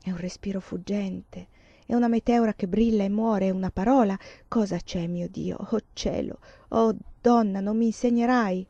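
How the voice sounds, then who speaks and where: A woman reading the part of a despairing young woman who doubts everything, in a hushed, sorrowful way. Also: mid-range voice, fairly even intonation, moderate pace, no room sound, lo-fi sound, lightly acted. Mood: mournful.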